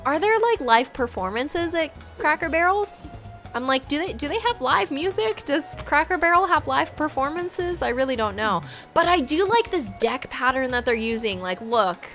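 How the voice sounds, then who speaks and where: A woman's voice: high voice, a bit bright. A young woman giving a casual, gushing tour commentary, full of "like" fillers. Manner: bubbly, gushing, frequent "like" fillers. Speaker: game island tour vlogger. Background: faint game music.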